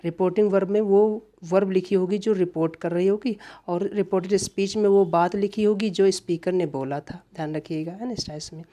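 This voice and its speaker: Mellow-voiced male teacher, softly trailing off. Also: high-pitched, steady tone, brisk, hardly any pauses. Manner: repeats reminders, voice drops softly at phrase ends. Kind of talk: online grammar class lecture.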